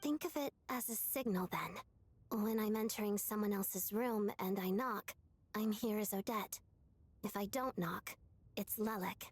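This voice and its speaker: An actress voicing a polite, reserved young woman in a video game, with a calm, earnest and softly formal manner and a husky voice. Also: mid-range voice, a little slow.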